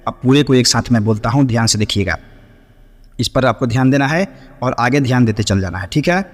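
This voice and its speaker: A man teaching Vedic chanting, who explains pronunciation in quick bursts and then chants Sanskrit mantras slowly and melodically. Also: mid-range voice, long reverb tail. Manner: checks in often with short affirmations.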